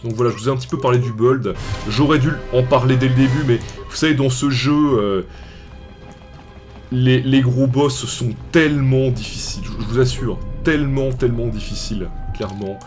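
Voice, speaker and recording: Young man, let's play commentary, casual, rambling, hesitant restarts, mid-pitched voice. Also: normal speed, a little mellow, soft background music.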